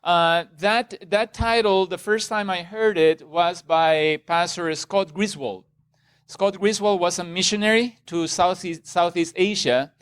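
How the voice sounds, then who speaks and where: A middle-aged man from Ecuador leads a church seminar for a small group in a meeting room. His voice sits high and sounds smooth and clear. The sound is dry and close, with little room echo. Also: fairly even intonation, measured pace, a bit bright. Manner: conversational, checks in with the audience often. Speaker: seminar presenter.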